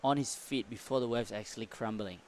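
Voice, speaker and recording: A man's voice: lowish voice, a little fast, crowd noise. A man co-commentating a surf contest casually, with laid-back, informal surfer talk.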